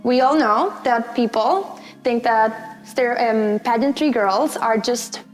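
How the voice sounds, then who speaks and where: A woman's voice: on the high side, slow pace, faint music behind. Chatty young woman hosting a panel. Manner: friendly, chatty, loose and conversational. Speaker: host. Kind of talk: casual panel chat.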